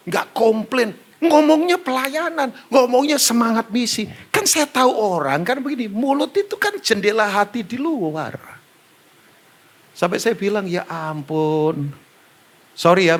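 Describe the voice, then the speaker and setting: Male pastor, Indonesian accent, middle-aged, lively swooping voice, bright tone, faint music behind. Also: sits high. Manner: animated, joking, acts out dialogue, talks to the band and congregation. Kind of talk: sermon with storytelling.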